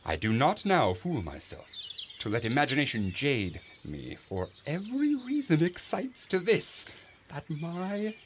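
A man's voice: a little high, wildly swooping pitch, measured pace, slight background noise. An actor playing a pompous, self-deluded male steward who reads aloud in a preening, theatrical way. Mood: gloating. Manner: preening, savoring each word, theatrical swoops. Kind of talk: amateur reading of a classic stage play.

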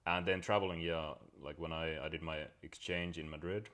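A man from Finland, a guest talking reflectively and pausing to search for words. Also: extremely low pitch, fairly even intonation, a bit bright. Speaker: podcast guest. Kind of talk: casual conversation.

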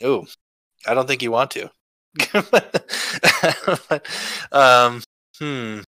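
Teasing man with a bright voice. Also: medium pitch, expressive, extremely slow, no room sound. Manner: joking, teasing. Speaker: podcast co-host. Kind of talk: casual sports podcast chat.

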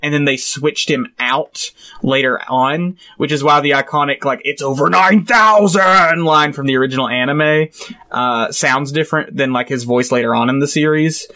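A young man co-hosting a casual podcast, animated and chatty, laughing often and leaning on filler words. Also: medium pitch, moderate pace. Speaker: podcast co-host.

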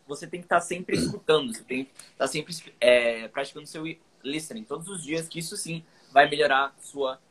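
Bright-voiced Brazilian man, casual chat. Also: on the high side, brisk, hardly any pauses, slightly rough. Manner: relaxed, slangy, many filler words.

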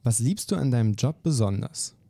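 Gravelly-voiced male podcast host. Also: medium pitch, no room sound, studio quality. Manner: brisk, lively questioning. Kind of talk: quick-fire question interview.

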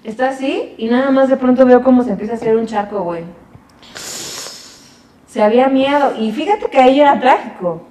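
A young woman with a Mexican accent, telling a story in an animated, slangy way during a casual chat. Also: sits high, fairly quick, a little hiss or hum. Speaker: podcast co-host. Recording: roomy echo.

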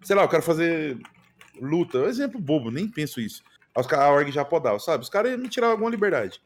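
A man's voice: on the high side, fast, a little hiss or hum. A man with a Brazilian accent, a streamer guest chatting casually and slangily about his streams. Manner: slangy, animated, repeats mano and velho. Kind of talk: casual podcast chat.

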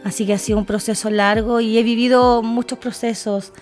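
A woman in her fifties, a religion teacher, answering interview questions slowly and warmly, with hesitant pauses. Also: a little high, fairly even intonation, faint music behind. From Chile. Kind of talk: casual podcast interview.

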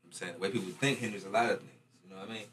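Fast-talking man with slangy bro banter. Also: on the low side, steady tone, a crowd in the background. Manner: emphatic, repeats phrases to make a point. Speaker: podcast co-host. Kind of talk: casual chat, slangy.

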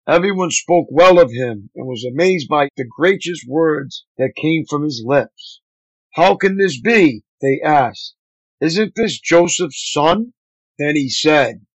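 A male pastor reading scripture aloud at a steady, measured pace. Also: on the high side, no room sound, lo-fi sound.

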